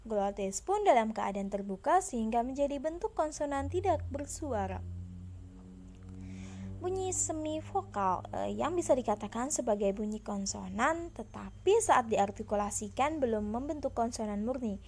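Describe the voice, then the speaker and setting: A woman's voice: a little high, expressive, normal speed, darkish tone, slight background noise. A young woman with an Indonesian accent, a student presenter reading lecture notes aloud carefully, with small slips and restarts. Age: young adult.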